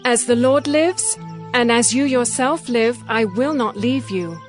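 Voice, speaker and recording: A man voicing a grieving mother in a scripture reading, speaking in a slow, raised, pleading voice. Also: very high-pitched, faint music behind, voice pushed up.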